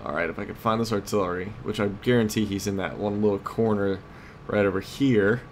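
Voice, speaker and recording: Fairly quick and fairly even in intonation, this man's low-pitched voice delivers casual let's play commentary as he hosts the series. He thinks aloud in short tactical remarks over clear background noise of tanks and battle.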